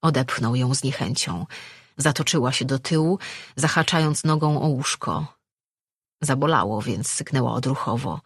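A narrator reads a fantasy novel aloud in a steady, measured way. The voice is slightly husky and sits close and dry, with no room sound. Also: mid-range voice, no echo. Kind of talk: audiobook reading.

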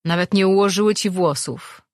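A reader voicing a calm, gently teasing male companion, in a dry studio recording. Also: medium pitch, moderate pace, no room sound, voice pushed up, natural voice. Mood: gentle.

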